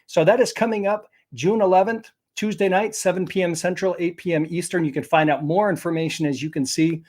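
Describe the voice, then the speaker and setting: A man's voice: high-pitched, fairly quick, darkish tone. A man hosting a live online interview, presenting in an upbeat, promotional way over a video call. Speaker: host.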